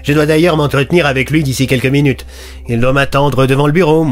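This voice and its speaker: A man voicing a brisk, matter-of-fact school principal. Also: medium pitch, steady tone, faint music behind, close to an everyday voice.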